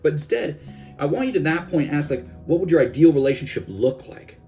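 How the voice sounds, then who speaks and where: A man's voice: on the high side, animated, brisk, warm tone, soft background music. A young man, a self-help coach, giving a casual instructional talk and now and then dropping into gloomy voices of the listener's thoughts.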